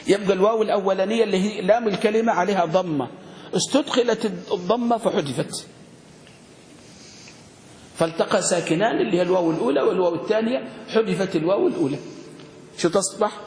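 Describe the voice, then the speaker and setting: A man teaching a grammar class, questioning his students and spelling words out slowly. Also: high voice, a little mellow. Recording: echoey room with long reverb, faint noise.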